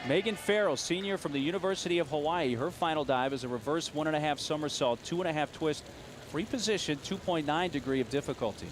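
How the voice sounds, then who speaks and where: A man working as a diving announcer, formally calling dives and scores in measured, clipped phrases. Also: on the high side. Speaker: diving meet announcer and commentator.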